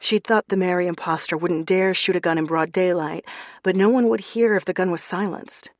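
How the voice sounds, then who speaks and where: Audiobook read: a woman with a low voice and close, dry sound, steady narration. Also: a little fast, no echo. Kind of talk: scripted narration.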